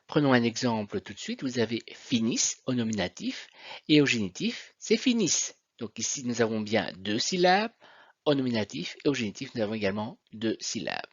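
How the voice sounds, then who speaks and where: A man's voice: medium pitch, sing-song, normal speed, dry recording. A man teaching a Latin grammar lesson, patiently walking through examples step by step. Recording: dull dry lo-fi recording.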